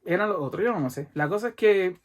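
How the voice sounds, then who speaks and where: A Puerto Rican man in his forties, speaking with a Puerto Rican Spanish accent, excitedly retells a film for his casual vlog review. His voice sits high and runs a little fast, and he's sweaty from the heat as he acts out gunshots and action scenes with mouth sounds.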